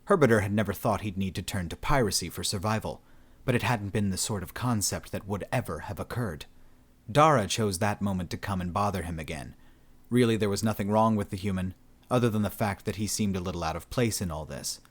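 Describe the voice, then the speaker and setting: A male audiobook narrator reading a science fiction story aloud. His voice sits low and stays steady. The telling is measured and even. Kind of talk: scripted narration.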